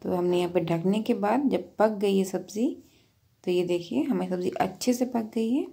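A woman's voice: mid-range voice, moderate pace, creaky, mellow, breathy edge. A woman hosting a cooking channel, patiently talking through each step of a recipe in a voice-over with practical tips.

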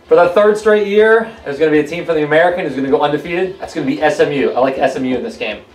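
A man chats casually as a sports panelist, making predictions. His voice is on the higher side and echoes in the room, over faint music. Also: racing, recorded from a distance. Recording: roomy echo, faint music behind.

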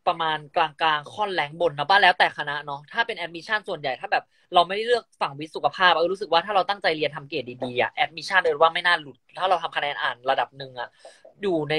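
A man's voice: fairly high pitch, bright, forceful tone, dry recording. A young man from northern Thailand, chatting casually and giggly on a phone live stream as an actor guest. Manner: chatty, giggly, quick teasing banter.

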